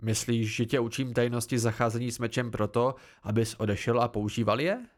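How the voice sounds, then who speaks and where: A man reading the part of a stern, demanding female combat teacher who lectures in sharp questions. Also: mid-range voice, lively intonation, vocal fry, pitched below the performer's own voice. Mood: stern lecturing.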